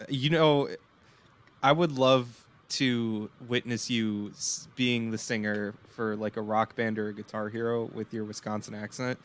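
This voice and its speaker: A man who is a guest on a podcast, chatting in a relaxed, playful way. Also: on the low side, measured pace, clear, resonant tone. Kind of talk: casual chat.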